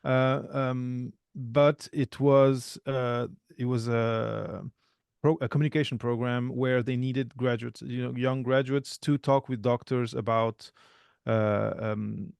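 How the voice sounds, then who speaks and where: A man, talking as a guest in a relaxed, thoughtful way with frequent restarts. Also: mid-range voice, slow, vocal fry, clear, resonant tone, no room sound, studio quality. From Portugal. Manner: thoughtful, self-correcting, many restarts. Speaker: podcast guest. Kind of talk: casual interview talk.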